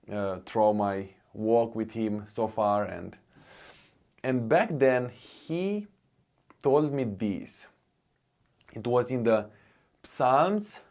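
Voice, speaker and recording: A man from Romania with a Romanian accent, in his thirties, telling his personal faith story in a slow, earnest way with many pauses. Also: medium pitch, darkish tone. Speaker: faith vlogger. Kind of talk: personal testimony.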